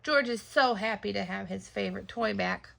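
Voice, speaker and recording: A woman reading a picture book aloud to young children in a slow, expressive way. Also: medium pitch, gravelly, slight background noise. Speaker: storybook reader.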